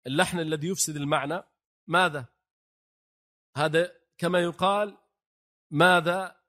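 A sheikh teaching a religious class, speaking slowly and deliberately, often asking his students rhetorical questions. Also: on the high side, fairly bright tone. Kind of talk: religious lesson on the call to prayer.

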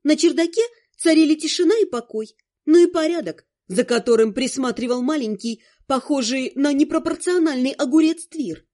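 Female audiobook narrator, high, mellow tone, expressive first-person read. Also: normal speed. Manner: expressive, animated reading.

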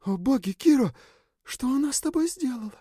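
A man's voice: very high voice, lively intonation, a little fast, mellow, breathy edge, no echo, clean studio sound, pitched above the performer's own voice, heavily acted. A man doing an urgent, alarmed woman. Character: urgent, caring woman, bold.

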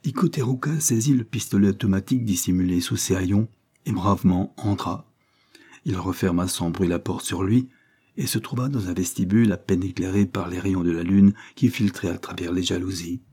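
A man reading an adventure novel aloud as narrator in a measured, dramatic way. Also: low voice, dark tone, breathy edge. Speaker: audiobook narrator.

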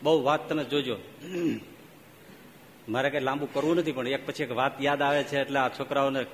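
Male swami, sermon storyteller; animated, quizzes the audience; echoing hall, faint room noise. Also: medium pitch, moderate pace. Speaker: swami giving a religious discourse. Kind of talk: sermon with fables. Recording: reverberant hall, faint ambience.

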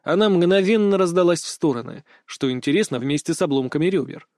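Mellow male audiobook narrator. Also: on the high side, brisk, no room sound, studio quality.

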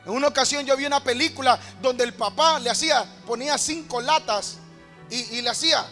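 A man preaching a sermon, often calling his listeners brothers and building to shouted, rhythmic repetition. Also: very high voice, a little fast, faint music behind.

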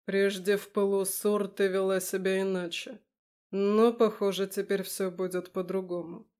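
Woman reading male dragon husband for an audiobook: low, slow, measured, mellow tone. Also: flat delivery, natural voice. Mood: tender. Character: male dragon husband, deep-voiced, stern then tender.

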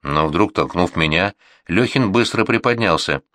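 A man reading a war memoir aloud as an audiobook narrator, with an expressive, measured delivery. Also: sits low, dry recording, clean studio sound.

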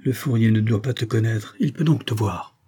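Audiobook: a terse rebel leader giving hushed orders, read by a man, dark-toned. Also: lowish voice, moderate pace, slightly rough. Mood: urgent. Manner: curt, commanding, hushed orders. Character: determined young male insurgent leader, terse and urgent.

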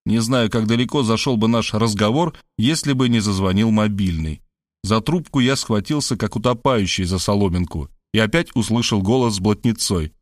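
A man narrating a first-person audiobook in a plain, even storytelling manner and acting out the dialogue. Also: fairly low pitch, normal speed, dry recording, clean studio sound.

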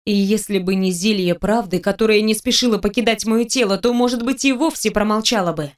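A woman narrating a first-person audiobook, lively and animated when speaking the heroine's lines. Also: medium pitch, fairly quick.

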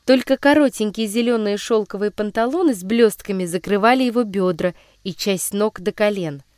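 A woman narrating a children's story in a measured, expressive reading voice. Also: medium pitch, no room sound, clean studio sound.

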